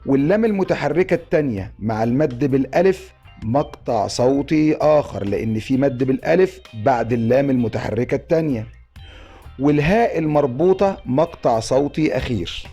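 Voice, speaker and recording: A man with an Egyptian Arabic accent giving an online grammar lesson, explaining step by step and spelling out syllables slowly. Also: mid-range voice, animated, mellow, echoey room, soft background music.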